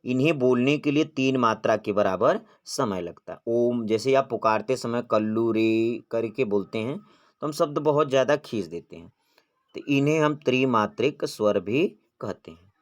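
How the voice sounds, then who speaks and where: A man's voice: medium pitch, expressive, normal speed. A man teaching an exam-prep grammar lesson, posing questions and answering them himself, drawing out vowel sounds when he demonstrates them.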